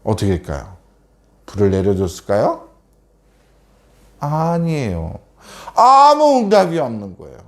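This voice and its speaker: A man's voice: mid-range voice, huge pitch swings, unhurried, long pauses. A man giving a children's sermon, telling a story and constantly asking the children questions. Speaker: children's preacher.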